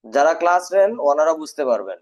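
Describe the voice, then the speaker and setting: A man's voice: on the high side, very animated, fast, darkish tone. A man teaching a live online English class, sternly drilling his students by having them repeat words. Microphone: video call. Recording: dull lo-fi online class audio.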